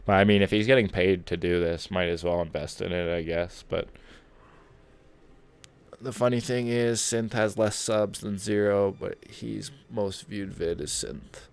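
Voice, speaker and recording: A man with a low, deep voice talks loosely to his viewers while gaming. His chat is rambling and laid-back, full of asides. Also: fairly even intonation, measured pace, gravelly, clean tone. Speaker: streamer. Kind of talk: casual gaming stream chat.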